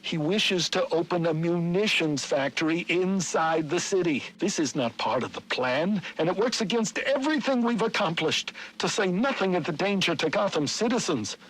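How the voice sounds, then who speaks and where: For a video game, an actor voices a middle-aged Victorian gentleman, a scheming city founder, narrating his journal in formal, dramatic, archaic language. His high voice is animated yet grave and worried, moving at a moderate pace with hardly any pauses. The audio quality is poor.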